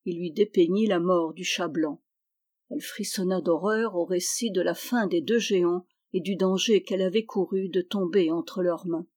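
A woman narrating a fairy tale as an audiobook reader, in a measured, even storytelling manner. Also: fairly low pitch.

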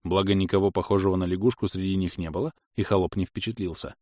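Мужчина с низким голосом, сухая запись. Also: male voice, sits low, steady tone, fast, dark tone, no room sound, studio quality. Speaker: narrator. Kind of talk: first-person audiobook narration.

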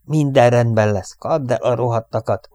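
A man reading an audiobook voices a calm young male radio operator soothing a comrade. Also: medium pitch, no room sound, studio quality, close to an everyday voice. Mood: reassuring. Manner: calm, reassuring.

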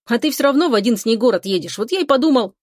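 A woman's voice: fairly high pitch, expressive, racing, no echo, clean studio sound, pitched above the performer's own voice. A woman voicing a clever, teasing young man, the narrator's younger cousin, in an audiobook. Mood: breezy. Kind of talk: audiobook character voice.

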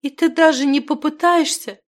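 A woman reading an audiobook voices a desperate young woman who pleads for help through tears in a high, tearful voice. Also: normal speed, close to an everyday voice. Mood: pleading. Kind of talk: audiobook character voice.

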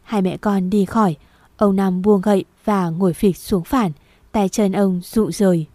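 A woman narrating a romance story in a steady, expressive reading voice. Her tone is dark and mellow, and the recording is dry and close to the mic. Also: mid-range voice, unhurried, no echo.

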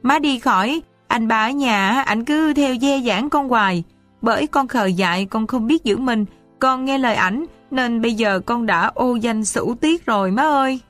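Woman doing a weeping young daughter, high tearful pleading, storybook reading. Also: normal speed, soft background music, close to an everyday voice.

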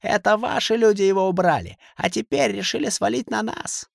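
A hot-tempered middle-aged businessman who barks and shouts, his voice pushed well above the reader's own, as a male narrator puts him on. It is heard in a dry, close audiobook recording with no room echo. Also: on the high side, expressive, normal speed, pitched above the performer's own voice, lightly acted. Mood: angry. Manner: raised, shouting, forceful.

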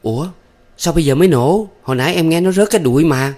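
A man reading a story, voicing a frantic, quarrelsome young village woman with shrill, panicked cries. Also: lively intonation, fast talker, mellow. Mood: alarmed.

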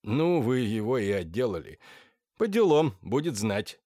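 A man's voice: medium pitch, big pitch swings, measured pace, warm tone, no echo, clean studio sound. A man voicing a blustering, half-blind old general who speaks in indignant, commanding outbursts.

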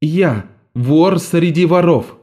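A man voicing a defiant young woman thief who answers in a raised, measured voice. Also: on the high side, a little mellow, pitched above the performer's own voice.

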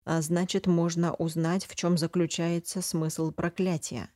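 A woman reading the lines of a stern, coldly calm male duke and mage in an audiobook. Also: fairly low pitch, unhurried, no echo, clean studio sound, natural voice. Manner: calm, cold, interrogating.

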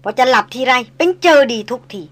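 A woman's voice: high-pitched, expressive, brisk, a bit bright, pitched above the performer's own voice. A woman voicing a blunt, jovial old male jungle hunter who talks in coarse folksy speech. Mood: worried confiding.

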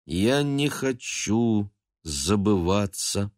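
A man's voice: lowish voice, lively intonation, drawn-out words, no room sound, studio quality. A man voicing a proud, gloomy male house cat who speaks mournfully and solemnly in a storybook. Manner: mournful and solemn, bursting into shouts.

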